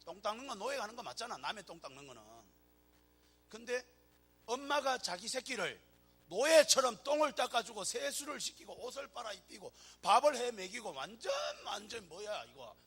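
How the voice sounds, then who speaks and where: Lively, bright-voiced Gyeongsang preacher. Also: male voice, sits high, moderate pace, breathy edge. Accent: Gyeongsang Korean. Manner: animated, joking preacher who acts out scenes. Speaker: pastor. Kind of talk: sermon.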